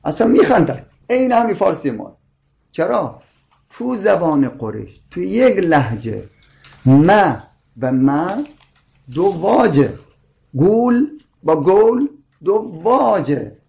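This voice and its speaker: A man's voice: sits high, very animated, creaky, dark tone, muffled recording. A man in a scholarly debate, insistently explaining his point with repeated examples. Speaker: scholar explaining linguistics and Quran readings.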